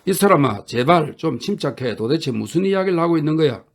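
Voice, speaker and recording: An impatient friend snaps and scolds, as a male audiobook reader voices him, his voice gravelly. He sounds exasperated and short-tempered, a storybook figure. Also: mid-range voice, animated, brisk. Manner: sharp, scolding.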